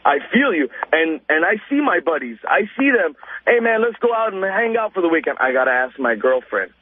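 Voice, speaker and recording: A salesman calls a radio show and rants casually, emphatic and exasperated, in a fairly high, sing-song voice at a fairly quick pace. The phone-in comes through a telephone on a tinny line with faint noise.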